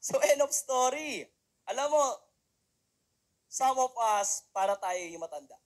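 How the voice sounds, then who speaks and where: A woman's voice: high-pitched, lively intonation, measured pace. Woman seminar speaker, chatty storyteller, audience-engaging. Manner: chatty, keeps asking the audience for responses. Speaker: motivational speaker.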